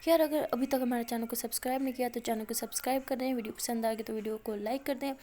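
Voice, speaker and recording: Chatty high-voiced woman storyteller. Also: steady tone, warm tone, a little hiss or hum. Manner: chatty, addresses viewers as guys. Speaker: storyteller, channel host. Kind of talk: casual storytelling narration.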